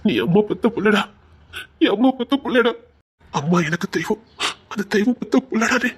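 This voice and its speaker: A man's voice: high-pitched, normal speed, husky. An actor playing a protective elder brother who soothes his family with repeated endearments, speaking with a Tirunelveli Tamil accent. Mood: tender. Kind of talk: web serial acting.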